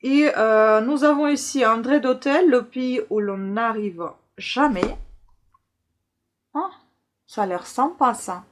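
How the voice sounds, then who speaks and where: A woman's voice: on the high side, takes it slowly. A woman vlogger chatting casually through a book haul, hesitant and full of filler sounds.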